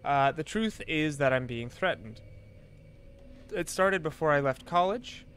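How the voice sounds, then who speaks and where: A man's voice: a little high, animated, a little slow, a bit bright, faint music behind. A man reading aloud, in his own voice, a letter from a frightened male researcher who fears for his life, in an earnest, urgent tone.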